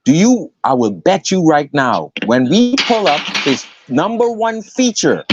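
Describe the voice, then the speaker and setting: A man's voice: on the high side, very animated, measured pace, very noisy. A man in a heated sports debate, insistent and repeating his points. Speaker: panelist. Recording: muffled phone audio.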